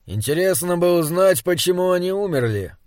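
A man plays a thoughtful male traveler who reasons aloud in a string of questions. The voice sits a little high for a man. The reading is dry and close-miked. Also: animated, fairly quick, darkish tone, no echo. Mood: puzzled.

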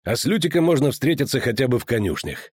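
A man voicing a grim, weary male witcher in an audiobook, speaking curtly with a husky voice. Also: mid-range voice, sing-song, fast talker, a little mellow, no room sound, studio quality, pitched above the performer's own voice. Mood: terse. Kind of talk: audiobook character reading.

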